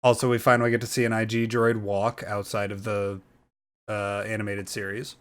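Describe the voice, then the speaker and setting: A man's voice: fairly low pitch, little pitch movement, normal speed, very noisy. A young man giving a casual, rambling reaction commentary, hesitant and full of fillers. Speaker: YouTuber reacting to a trailer.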